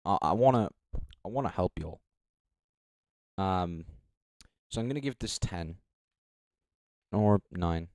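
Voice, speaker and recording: A man's voice: deep voice, animated, slow, long pauses, a little mellow, dry recording. A young man casually commenting on a live stream, rambling, correcting himself and swearing freely. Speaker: streamer judging beatbox entries.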